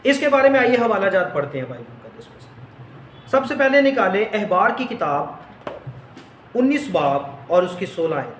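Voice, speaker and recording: A man teaching a Bible lesson, slowly repeating phrases so his students can write them down. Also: high voice, very animated, fairly bright tone, a little hiss or hum. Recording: echoey room.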